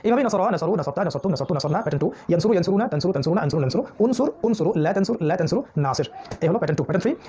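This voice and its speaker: A man teaching a classroom review lesson on Quranic Arabic, drilling word lists in quick repetitive chants. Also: sits high, animated, mellow, husky.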